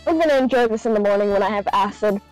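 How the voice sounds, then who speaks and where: A man's voice: high voice, very fast, clear, resonant tone, soft background music, poor audio. A young man rambling goofily over gaming voice chat.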